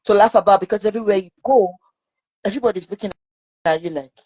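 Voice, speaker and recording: A woman, a mother being interviewed, telling her story in a lively way and acting out her son's cries. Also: fast, slightly rough, lo-fi sound. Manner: animated, acts out her son's screams in a high voice.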